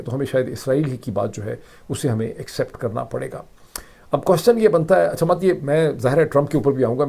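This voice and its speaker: Mellow-voiced Pakistani man giving political analysis. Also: medium pitch, vocal fry. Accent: Pakistani Urdu. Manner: explanatory, emphatic, mixes English phrases into Urdu. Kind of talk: solo commentary monologue.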